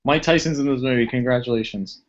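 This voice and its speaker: A man's voice: medium pitch, fast talker. A man hosting a casual movie podcast, giving blunt opinions and reading film summaries. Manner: opinionated, reads summaries stiffly. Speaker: podcast host. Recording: muffled lo-fi podcast audio.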